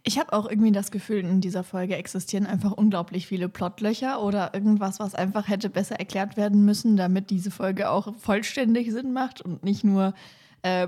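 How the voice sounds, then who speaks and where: Female podcast co-host, mid-pitched, soft dark tone, informal chat, echoey location. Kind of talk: casual discussion. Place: echoey space outside a studio.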